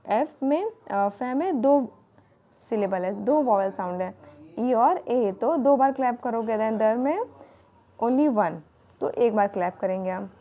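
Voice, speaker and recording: This is a woman teaching a children's lesson. Her voice sits fairly high but sounds mellow and warm. She talks very slowly and spells words out one letter at a time. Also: animated, dull audio. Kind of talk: explaining a textbook lesson to children.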